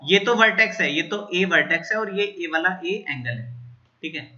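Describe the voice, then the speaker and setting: Male maths teacher, high and very bright tone, lo-fi recording. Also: animated, normal speed. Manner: repeats steps and checks in with students. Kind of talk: whiteboard maths lesson.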